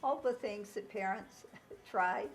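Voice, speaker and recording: A woman interviewed as a mother, speaking in an unhurried, thoughtful way. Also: mid-range voice, slight background noise. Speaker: mother interviewed about parenting. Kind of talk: documentary interview.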